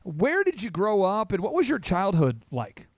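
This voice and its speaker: A man's voice: high-pitched, wildly swooping pitch, moderate pace, dry recording, studio quality. An American man hosting a podcast interview with a showman-like, emphatic delivery that repeats phrases. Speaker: podcast host.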